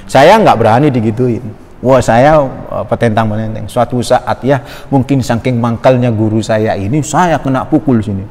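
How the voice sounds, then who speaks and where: A man's voice: medium pitch, moderate pace, in a large hall. A male preacher, giving a sermon full of personal stories, acting out quotes and sound effects. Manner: lively storyteller, acts out quotes and sound effects.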